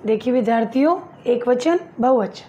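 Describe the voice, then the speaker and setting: Female teacher, high voice, slow patient delivery, slightly muffled lo-fi audio. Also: dark tone. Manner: slow and patient, spelling words syllable by syllable; addresses pupils as "beta", asks and answers her own questions. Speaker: school teacher. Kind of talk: online Hindi lesson for young pupils.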